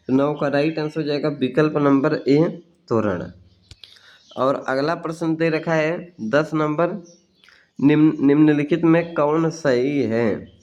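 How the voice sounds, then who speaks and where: A man tutoring students, briskly reading out exam questions and their answers one after another. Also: on the high side, a little mellow. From Bihar, India. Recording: dull lo-fi sound.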